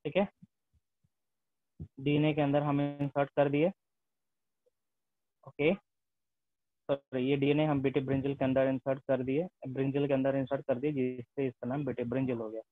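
A man's voice: medium pitch, flat delivery, moderate pace, pauses often. A male teacher lecturing a class, often dropping English terms into his speech and asking the students whether they follow. The sound is thin and phone-like, with a dry, close feel and no room echo. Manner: mixes English terms into Hindi, repeats tag questions.

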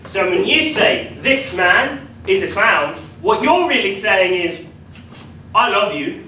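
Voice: medium pitch, big pitch swings, slow pace. A dim, bluntly literal minder played by an actor in a comic stage farce. The chatty voice swings about, recorded far from the mic with noise behind. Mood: puzzled. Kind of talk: theatrical stage farce acting. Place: small theatre stage with audience. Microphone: far camera. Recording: echoey noisy theatre, distant camera mic.

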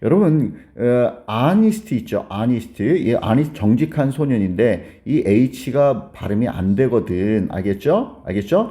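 A male teacher walks learners through a beginner grammar lesson, his pitch rising and falling a great deal as he explains. His tone is warm and mellow, never sharp. He keeps pausing to check that everyone has understood. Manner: explains step by step, keeps asking "got it?"; acts out a student's question in a higher voice.

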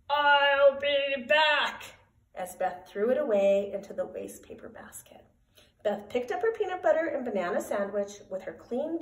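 Expressive woman reading a children's story. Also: fairly high pitch. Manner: expressive, emphatic, sing-song. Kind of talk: children's storybook read-aloud. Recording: roomy echo, voice from a distance.

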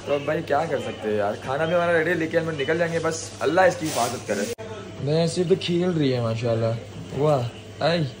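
A man's voice: fairly high pitch, brisk. A young man chatting casually to his viewers while vlogging late at night, coaxing and talkative. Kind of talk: casual vlog chat. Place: late-night village stay, partly in dim indoor areas. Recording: noisy crowded background.

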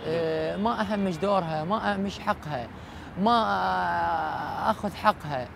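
A middle-aged cleric with an Iraqi Arabic accent, giving reflective, halting answers in an outdoor interview. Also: male voice, high voice, gravelly. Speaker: religious cleric guest. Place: outdoors at night in a city park. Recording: traffic and city noise behind.

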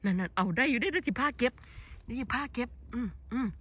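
Excitable Isan-accented woman, husky. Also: fairly high pitch, a little fast. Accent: Isan (Northeast Thai). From Thailand. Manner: exclamatory, excitable, lots of cries of delight. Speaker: vlogger. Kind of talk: excited foraging vlog chat. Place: forest outdoors.

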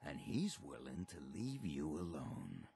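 Deep, gravelly sneering gang thug. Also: male voice, huge pitch swings, a little slow, darkish tone, slight background noise, full character voice. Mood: sneering, menacing. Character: tough, dismissive male gang thug. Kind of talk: video game voice acting.

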